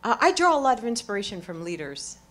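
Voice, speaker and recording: A middle-aged woman talking onstage at a live event, exuberant and profane, swinging from quiet remarks to loud exclamations and laughing often. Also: medium pitch, big pitch swings, fast talker. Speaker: award honoree speaking onstage. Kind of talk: lively onstage conversation with profanity.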